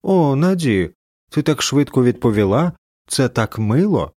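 A man's voice: medium pitch, sing-song, unhurried, a little mellow, no echo, studio quality, voice pushed up. A man voicing a cheerful young blonde woman calling on a screen, bubbly and sweet.

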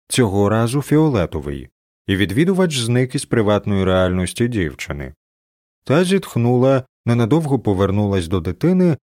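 Brief: male narrator, animated lilting delivery, mid pitch, dry close mic. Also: dry recording. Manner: expressive storytelling. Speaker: audiobook narrator. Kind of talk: scripted narration.

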